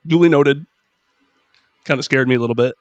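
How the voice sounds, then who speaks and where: A man's voice: medium pitch, a little fast, no room sound. A man hosting a podcast chats in a laid-back way, telling stories and answering with short agreements. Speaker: podcast host. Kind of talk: casual chat. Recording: dull, dry lo-fi mic.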